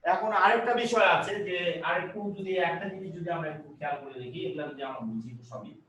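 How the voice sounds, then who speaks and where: দূর থেকে প্রতিধ্বনিময় ঘরে ধীরে বোঝানো এক পুরুষ শিক্ষক. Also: male voice, fairly high pitch, animated, a bit bright, slight background noise. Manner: halting, many filler sounds and restarts, rhetorical questions. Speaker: teacher. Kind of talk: grammar lesson at a board. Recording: echoey room, voice from some distance.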